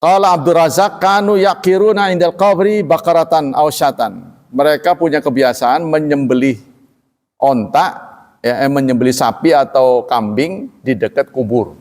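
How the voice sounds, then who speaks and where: A man with an Indonesian accent giving a religious lecture in lively style, reading out Arabic texts and acting out quoted voices. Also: a little high, normal speed. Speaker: Islamic teacher. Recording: long hall reverb.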